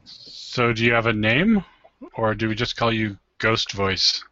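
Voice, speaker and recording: A man's voice: lowish voice, unhurried, sharp tone, no echo. A man chatting casually as a tabletop game player, tentative and often trailing off. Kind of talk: casual chat. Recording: dull lo-fi audio.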